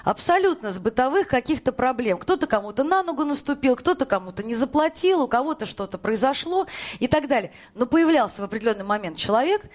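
A woman with a fairly high-pitched voice hosts a live radio call-in programme. She talks as a presenter does, addressing listeners and callers directly. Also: expressive, fast. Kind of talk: live phone-in talk show hosting.

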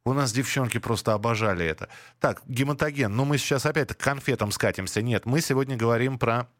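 A man's voice: mid-range voice, fast talker, dry recording, studio quality. A man hosting a radio call-in show, chatting casually and reminiscing, with frequent restarts. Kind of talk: casual nostalgic phone-in chat. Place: radio studio. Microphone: studio microphone.

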